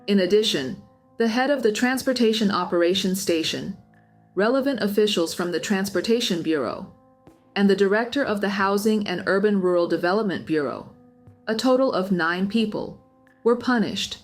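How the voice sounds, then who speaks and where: A woman's voice: mid-range voice, animated, moderate pace, soft background music. A woman reading a scripted documentary-style narration of a news story.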